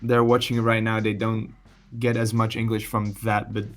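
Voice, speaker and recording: On a relaxed podcast interview, this guest musician, a young man from Belgium, talks with a Belgian Dutch-speaking accent. His lowish voice stays monotone at a normal pace, and he hesitates often, with plenty of fillers and false starts.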